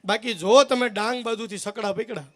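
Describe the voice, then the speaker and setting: A man's voice: high-pitched, normal speed, fairly bright tone. A man telling comic stories live on stage, joking and teasing the audience directly. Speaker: folk stage comedian.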